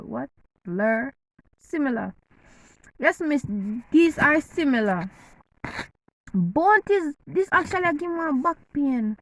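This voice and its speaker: A Jamaican woman vlogger with a fairly high voice chats playfully to camera, teasing and eating as she talks. The audio is poor, with no room sound.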